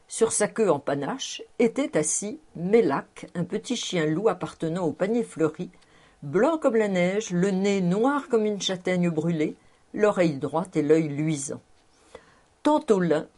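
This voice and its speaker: A woman narrating a classic novel aloud in a measured, expressive reading. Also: on the low side. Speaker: audiobook narrator.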